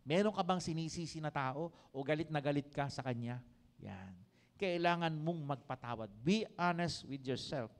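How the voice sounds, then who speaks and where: A middle-aged Filipino man preaching a sermon in church, questioning his congregation and rising loud to drive points home. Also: a little high, lively intonation, normal speed. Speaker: pastor.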